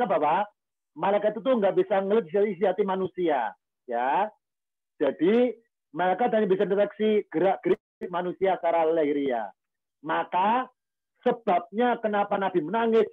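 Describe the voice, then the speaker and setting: A man's voice: sits high, dry recording. A man giving a religious study lecture on Quranic commentary in a conversational way, with rhetorical questions and frequent fillers. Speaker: Islamic religious teacher. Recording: tinny phone-like, dry sound.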